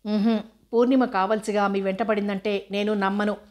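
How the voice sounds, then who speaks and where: A woman's voice: mid-range voice, fairly even intonation, normal speed, a little mellow, lightly acted. A woman reading the part of a jealous, hot-tempered husband confronting a rival. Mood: indignant. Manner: angry, confrontational.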